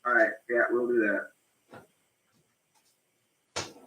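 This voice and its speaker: A man's voice: medium pitch, flat delivery, extremely slow, bright, forceful tone. A man raising a practical concern in plain, informal meeting talk. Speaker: meeting participant. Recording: roomy, echoing meeting audio.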